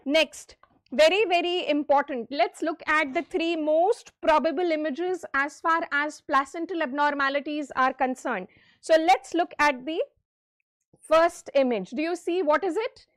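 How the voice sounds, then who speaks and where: A woman's voice: high-pitched, a little slow, no echo, studio quality. A woman with a North Indian accent lecturing interactively, emphatic and often checking in with questions as she quizzes students for an exam. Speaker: medical lecturer leading exam revision session.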